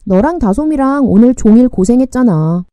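A woman voicing a blunt, matter-of-fact teenage boy in a storybook, delivering his lines flatly. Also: fairly high pitch, brisk, no echo, natural voice. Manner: flat, dry line delivery.

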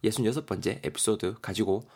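A man's voice: lowish voice, brisk, darkish tone, breathy edge. A man, teaching English vocabulary in a playful, jokey online lesson.

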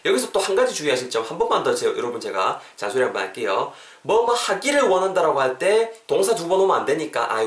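A man runs a casual podcast English lesson, talking in a chatty, joking way that keeps drifting into asides. His pitch swings a lot, bouncing up and down through each explanation. He sounds slightly away from the mic, in a room with noticeable echo. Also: fairly bright tone, distant mic. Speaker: English teacher, podcast host.

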